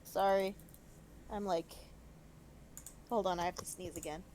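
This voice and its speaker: Slow-talking woman playing a tabletop game. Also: lowish voice, steady tone, dark tone, a little hiss or hum. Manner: chatty, describes her moves aloud. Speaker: player. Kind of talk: casual tabletop game play.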